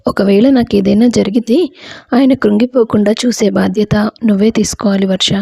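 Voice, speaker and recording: A woman voicing a gravely ill young wife who speaks gently and with resignation, in a Telugu audio story. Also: medium pitch, fairly even intonation, normal speed, no room sound, studio quality. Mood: sorrowful.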